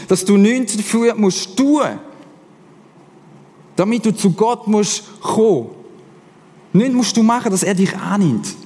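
A man with a Swiss German accent preaching a casual, animated sermon as pastor. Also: sits high. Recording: long hall reverb.

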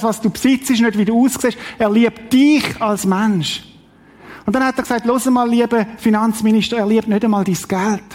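A man's voice: extremely high pitch, a little mellow. A man preaching a sermon, reading scripture and speaking directly and earnestly to the congregation. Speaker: pastor.

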